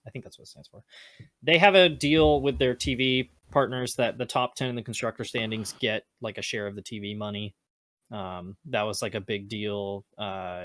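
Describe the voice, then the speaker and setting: A man co-hosting a casual racing podcast, explaining details at length in a relaxed way. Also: on the low side, no room sound. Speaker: podcast co-host. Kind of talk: casual chat.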